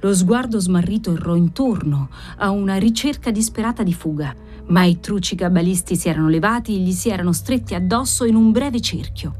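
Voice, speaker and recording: A woman narrating a novel aloud with dramatic, expressive reading. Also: mid-range voice, a little fast, few pauses, soft background music. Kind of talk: audiobook narration.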